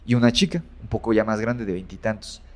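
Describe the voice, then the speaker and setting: A man's voice: fairly low pitch, brisk, a little mellow. Rambling man retelling a spooky story. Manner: rambling, many fillers and self-corrections. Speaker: storyteller guest. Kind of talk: casual retelling of a horror story.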